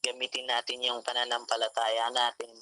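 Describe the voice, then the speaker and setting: A man's voice: medium pitch, completely flat delivery, brisk, pushed and bright, no room sound, low-quality recording. A man giving a Taglish sermon at an online devotion, often repeating "mga kapatid" to his listeners. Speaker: youth devotion speaker. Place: home, online meeting room. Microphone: call mic.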